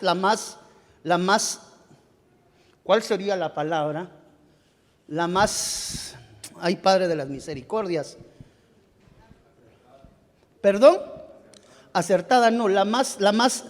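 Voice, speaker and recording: High-voiced preacher in a reverberant church. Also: male voice. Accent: Guatemalan Spanish. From Guatemala. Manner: halting, searches aloud for words and restarts phrases; addresses listeners directly as beloved brother. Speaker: pastor. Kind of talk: sermon. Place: church sanctuary. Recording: long reverb of a church hall.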